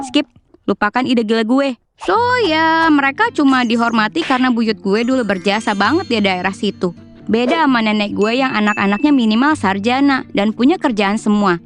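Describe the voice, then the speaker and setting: A woman narrating a family story in a chatty, slangy way, talking straight to her viewers. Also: on the high side. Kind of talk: casual storytime narration over mukbang video. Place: voice-over.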